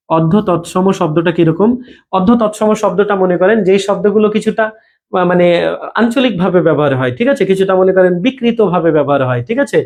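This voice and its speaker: A man teaches a live online grammar class, repeating each point and checking in with students by thanking them by name as he goes. His voice is high-pitched with a darkish tone.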